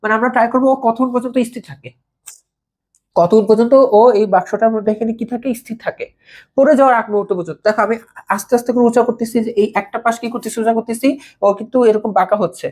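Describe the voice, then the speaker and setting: A woman teaches physics very fast in a somewhat high, slightly mellow voice for a recorded school video lecture. Keeping it conversational, she checks in with questions and repeats key terms for students to write down.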